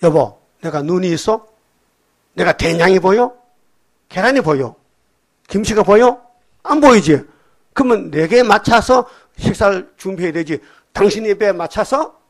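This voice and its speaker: Guy putting on a cranky blind old preacher, high and loud, snapping questions. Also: expressive, moderate pace, long pauses. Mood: scolding. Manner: barking, indignant questions. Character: blind old male revival preacher, gruff and scolding.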